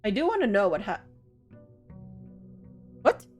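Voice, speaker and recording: A woman's voice: medium pitch, wildly swooping pitch, a little slow, breathy edge, faint music behind. A woman streaming a puzzle game, thinking aloud and chatting with her viewers in a sleepy, musing way. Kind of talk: casual gameplay commentary.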